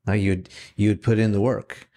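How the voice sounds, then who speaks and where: A man's voice: on the low side, little pitch movement, normal speed, dark tone. A man hosting a business podcast, encouraging his guest and reflecting on what he hears, often with short affirmations. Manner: encouraging, reflective, with many backchannels. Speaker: podcast host. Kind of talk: podcast interview.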